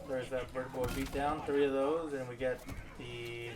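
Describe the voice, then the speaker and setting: A man giving casual gameplay commentary, explaining fighting game moves and then swearing loudly when a match goes badly. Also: mid-range voice, fairly even intonation, unhurried. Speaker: gaming YouTuber.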